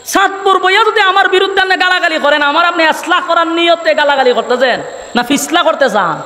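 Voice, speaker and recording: A very high-voiced man with a Sylheti Bengali accent preaches with a sharp, ringing tone, moving from a melodic chant into loud shouted lines. His voice carries a long reverb over faint background noise. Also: brisk. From Bangladesh. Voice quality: chanting, sing-song delivery with loud shouted peaks. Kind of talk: sermon.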